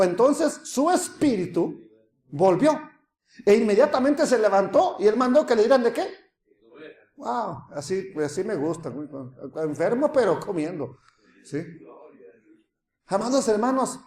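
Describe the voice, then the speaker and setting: A man preaches with a fairly high voice, moving from lively, laughing impressions of doubters to near-hushed asides. The recording carries a noticeable roomy echo. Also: unhurried. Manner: animated, acts out crowd voices with laughter, drops to soft hushed tones. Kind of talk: sermon.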